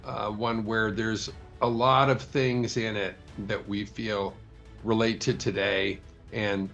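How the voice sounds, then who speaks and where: A male producer answering an interview question in a thoughtful, measured way. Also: fairly low pitch, level tone, creaky, fairly bright tone, lo-fi sound, faint music behind. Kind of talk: press interview.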